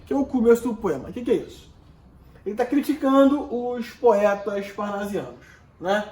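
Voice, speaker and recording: High-voiced Brazilian man teaching a lesson. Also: animated, darkish tone, reverberant. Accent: Brazilian Portuguese. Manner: reads verses aloud slowly, then explains with many "né?" checks. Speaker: literature teacher. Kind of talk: recorded online lesson, explaining a poem.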